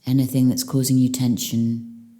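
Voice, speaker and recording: With long pauses between phrases, a woman leads a guided meditation as its teacher, her calm, soothing voice rumbling low.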